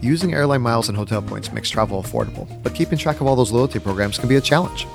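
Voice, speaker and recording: A man's voice: medium pitch, animated, fast talker, vocal fry, music in the background. A man hosting a travel podcast, upbeat and enthusiastic as he asks his guest questions. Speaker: podcast host. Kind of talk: podcast interview.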